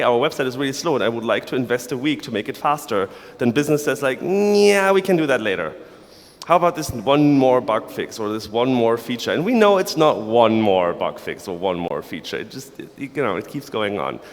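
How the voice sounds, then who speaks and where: A man presents at a developer conference in a mid-range voice. His delivery is playful and sarcastic. The sound carries the long reverb of a large hall. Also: mid-range voice. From Germany. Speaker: conference speaker. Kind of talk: conference talk.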